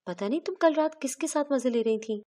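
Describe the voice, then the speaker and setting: A woman's voice: high-pitched, dark tone, natural voice. A woman reading out the lines of a suspicious husband who accuses his wife sharply over the phone. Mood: angry. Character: suspicious, angry husband working abroad.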